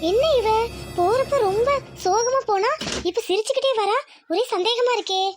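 A woman's voice: very high-pitched, moderate pace, music in the background. A woman voicing a scheming young bride-to-be in a cartoon, speaking politely and then muttering sly asides. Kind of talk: Tamil cartoon dubbing with asides.

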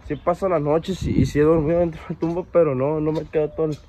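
A young man rambles sleepily into his phone camera outdoors, full of slang. His voice sits a little high. Faint outdoor noise hangs behind him. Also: fairly even intonation, fast, warm tone. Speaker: vlogger. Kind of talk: casual vlog. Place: outdoors at a cemetery. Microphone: handheld phone camera.

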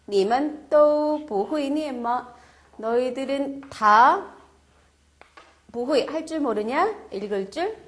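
A woman's voice: on the high side, darkish tone. A woman teaching a beginner language lesson, patiently repeating each phrase and breaking it down step by step.

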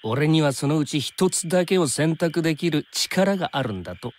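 An actor voices an easygoing young time traveler in a Japanese anime game, talking in casual slang with an undercurrent of worry. His male voice is on the high side and animated, at a moderate pace and close to everyday speech, with a serious, subdued mood.

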